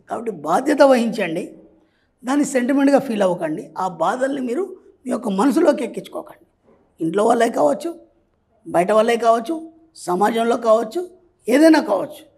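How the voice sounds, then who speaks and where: A man's voice: high-pitched, vocal fry, darkish tone, breathy edge. A man, speaking as a spiritual money coach in an interview. He lectures emphatically and keeps asking if the listener understood.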